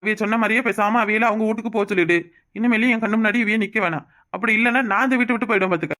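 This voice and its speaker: Woman doing a grumbling middle-aged village husband, Kanyakumari Tamil accent, quick bright cartoon voice. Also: mid-range voice, natural voice. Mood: bitter. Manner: defensive, exasperated. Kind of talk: cartoon voice acting.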